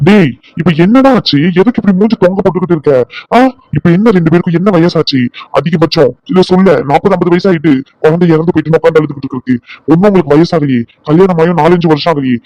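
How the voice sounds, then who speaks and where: A man voicing a blunt young doctor who scolds and teases his friend in a cartoon drama, talking in brisk bursts. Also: a little high, a little mellow, dry recording, dull audio, close to an everyday voice.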